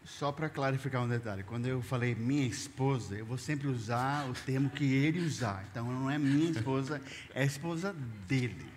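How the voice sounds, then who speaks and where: A man's voice: medium pitch, a little fast. A man working as the interpreter, repeating a preacher's phrases in the first person and sometimes restarting mid-phrase. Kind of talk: consecutive interpretation of a sermon. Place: church hall. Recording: echoey church hall, faint noise.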